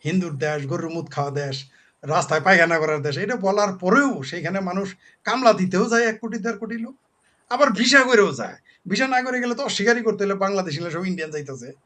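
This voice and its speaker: A man's voice: high-pitched, pushed and bright. Scornful man ranting. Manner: scornful, mocking, rapid-fire lists. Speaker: political talk show guest. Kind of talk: heated political commentary.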